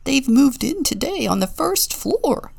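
A woman's voice: high-pitched, very animated, a little slow, vocal fry, a little mellow, pitched above the performer's own voice, heavily acted. A woman voicing a gleeful, gossiping male city pigeon in a storybook reading, with a burbling manner.

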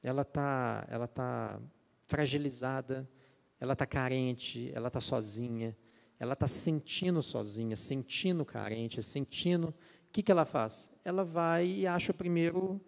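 A man's voice: mid-range voice, unhurried, vocal fry. A man with a Brazilian accent preaching a sermon, firing rhetorical questions at the congregation. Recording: long hall reverb.

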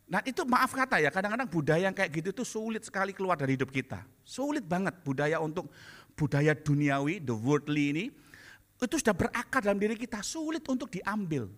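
A male pastor preaching a sermon, lively and joking, mixing in English phrases. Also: high-pitched, fairly quick, long reverb tail. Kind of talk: sermon with comic stories.

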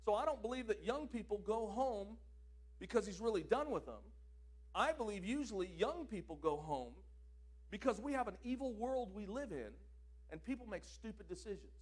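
High, lively-voiced male preacher. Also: normal speed, breathy edge. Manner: emphatic, swings between loud declarations and quiet asides. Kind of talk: sermon.

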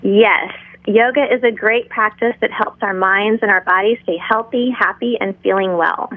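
A middle-aged woman speaking in a calm, measured, instructional manner, like a yoga teacher guiding a class. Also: medium pitch, no echo. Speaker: yoga instructor, interview guest. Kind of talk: interview talk with guided breathing and pose instruction. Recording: tinny narrow phone-like line.

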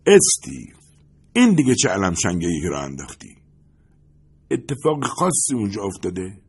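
Man playing a nervy agent, husky voice, pushy questions, audiobook. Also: fairly low pitch, sing-song, darkish tone, voice pushed up. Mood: exasperated. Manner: worried, pressing questions. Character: anxious male agent on the phone.

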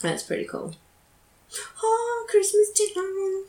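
A woman in her thirties co-hosts a podcast, chatting casually like an enthusiastic fan. Her voice is very high and warm, slow, with pitch that swoops wildly. The room is echoey, with background noise and clicks.

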